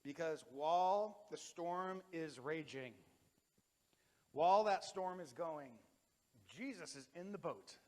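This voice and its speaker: A man in his thirties preaching a sermon in a church sanctuary. His voice sits high and bright, and it swings from loud, driving emphasis to quiet, hushed lines. A long reverb trails each phrase through the hall. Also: slow. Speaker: pastor.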